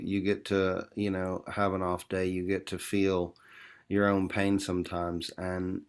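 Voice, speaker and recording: A man's voice: on the low side, smooth. A man leading an online group, encouraging members and calling them bro. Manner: supportive, calls people bro and brother. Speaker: group facilitator. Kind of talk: casual encouraging group talk.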